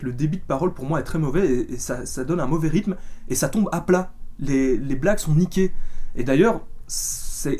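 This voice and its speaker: A man's voice: fairly high pitch, darkish tone. A man giving a casual spoken film review, chatty and full of fillers and restarts. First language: French.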